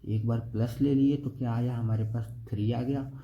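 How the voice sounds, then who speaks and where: With a medium pitch, steady tone and normal speed, a young man explains a math lesson step by step, repeatedly asking "okay?" The audio sounds dull, captured in an echoey room with faint noise.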